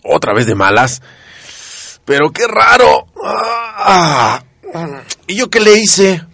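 A man's voice: high voice, sing-song, takes it slowly, creaky, bright, forceful tone, slightly rough, no room sound, studio quality, soft background music, full character voice. A man with a Mexican accent playing a flustered young slacker in a comic radio drama, stammering evasive excuses. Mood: alarmed.

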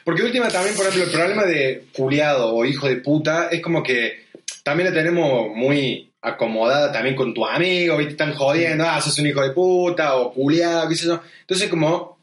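A man's voice: on the high side, fairly quick, fairly bright tone. A young man with an Argentine accent, hosting a casual podcast chat, laughing often and explaining things with emphatic examples. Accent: Argentine Spanish. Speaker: podcast host. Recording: echoey room.

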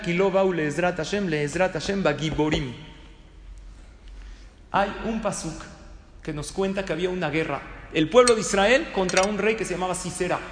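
High-voiced man lecturing in an echoey hall. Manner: storytelling, poses questions to the audience. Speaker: rabbi teaching a class. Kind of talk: religious study lecture.

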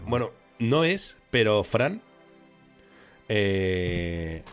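Podcast guy, lowish voice, acts out bits in his stories, faint music underneath. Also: drawn-out words, clean tone. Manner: animated storyteller, acts out voices. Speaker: podcast co-host. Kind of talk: casual chat.

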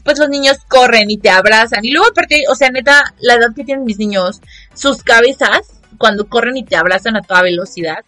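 Speaking at a medium pitch, this young vlogger has a Mexican Spanish accent. Her casual story comes out dramatic and expressive, and she pokes fun at everyone she quotes.

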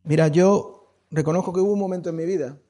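Man, pastor, fairly high voice, sermon in church, drops low then surges loud, repeats phrases. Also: fast talker, a little hiss or hum. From Spain. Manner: preaching with dramatic swings between hushed and loud; repeats key phrases for emphasis.

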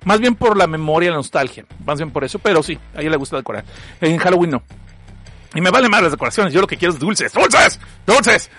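A man's voice: a little high, animated, fast talker, fairly bright tone, soft background music. A man from Mexicali with a northern Mexican accent, hosting a livestream and reading out chat messages in a joking, slangy way that is full of laughs. He has a cough. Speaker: livestream host.

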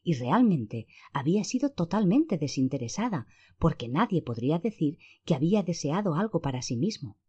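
Warm expressive woman narrating a storybook. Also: deep voice, moderate pace, breathy edge. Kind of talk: audiobook narration. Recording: dull lo-fi.

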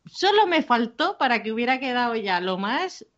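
A woman in casual chat, giving her opinions in a measured way. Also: fairly high pitch, big pitch swings, fairly bright tone, muffled recording.

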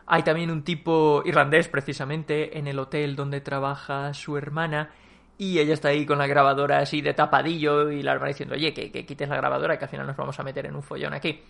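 A man from talks through a film in a loose, rambling way, full of fillers and restarts. His voice sits a bit high and has a gravelly, creaky edge. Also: little pitch movement, fast, a bit bright. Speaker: film reviewer. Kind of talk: casual spoken film review.

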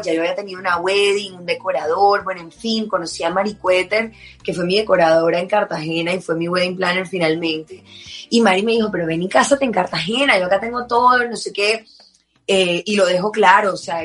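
A woman's voice: fairly low pitch, a bit bright. A Colombian woman in her thirties telling a personal story in a casual, emotional way, full of filler words.

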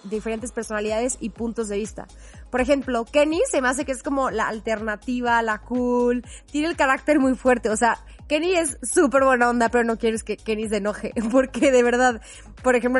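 A young woman, co-hosting a podcast in an effusive, chatty way and laughing often. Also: fairly high pitch. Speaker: podcast co-host. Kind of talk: casual chat.

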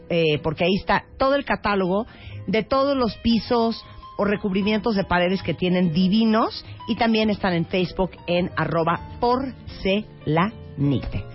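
A woman hosting a radio show, chatting casually and reading ads with enthusiasm. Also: mid-range voice. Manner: upbeat, enthusiastic. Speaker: radio host. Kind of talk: casual radio chat and live ad reads. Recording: dull lo-fi radio broadcast with faint music.

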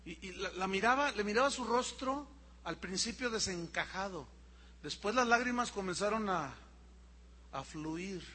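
A man's voice: high voice, lively intonation, a little slow, bright, forceful tone, slightly rough. A man preaching a sermon as pastor, telling a story and acting out the voices of the people in it. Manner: storytelling, acts out quoted voices.

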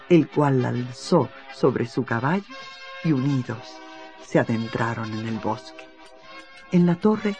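Animated fairy tale narrator, bouncy delivery, faint music behind. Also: medium pitch. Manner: expressive, lively. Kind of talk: storybook narration.

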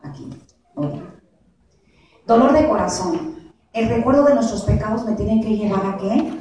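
A woman with a Mexican accent, a lay preacher giving an animated, joking retreat talk and telling stories straight to her audience. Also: mid-range voice, a little slow, slight background noise. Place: large hall at a church center. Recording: echoey hall from far off.

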